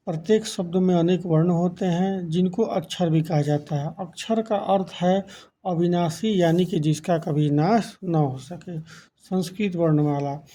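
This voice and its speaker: A man's voice: high-pitched, warm tone. A man teaching a grammar lesson, defining each term, then spelling out letters and counting them aloud one by one. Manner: defines terms then repeats them for emphasis.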